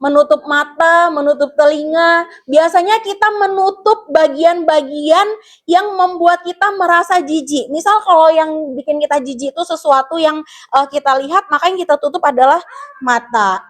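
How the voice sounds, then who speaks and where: A woman with a high voice teaches a classroom guidance lesson, taking the pupils through each point in turn. She keeps asking the class questions and addresses them warmly as children, with the patient manner of a school counselor. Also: normal speed. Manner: explains to pupils, asks the class questions, calls them "Nak".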